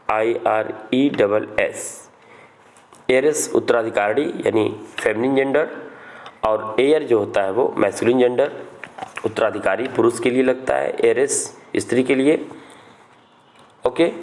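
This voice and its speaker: A male teacher, explaining a grammar lesson step by step and answering his own questions. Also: medium pitch. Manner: slow, explains step by step, asks questions then answers them.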